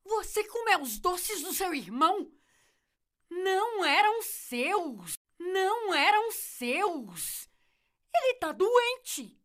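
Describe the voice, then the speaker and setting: A woman's voice: extremely high pitch, sing-song, very slow, a bit bright, full character voice. A woman playing a stern, volatile mother of a young child in a drama. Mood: furious.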